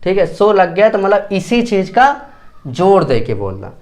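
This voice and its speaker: A man's voice: high-pitched, wildly swooping pitch, unhurried, a little mellow. A male English teacher, giving a classroom grammar lesson and checking understanding again and again. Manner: repeats points and checks understanding often.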